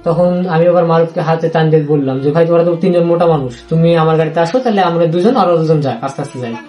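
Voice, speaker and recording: Young man with a Rajshahi Bengali accent, halting and repetitive. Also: a little high, muffled recording, faint music behind. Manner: halting and repetitive, with many restarts. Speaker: interviewee. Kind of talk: recounting a personal story.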